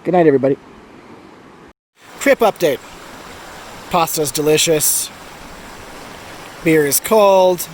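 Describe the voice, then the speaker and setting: Slow-talking man vlogging by a babbling creek. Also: on the high side. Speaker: travel vlogger. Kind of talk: casual trip update. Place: outdoors at a campsite beside a babbling creek. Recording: outdoor creek and breeze noise. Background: running stream water.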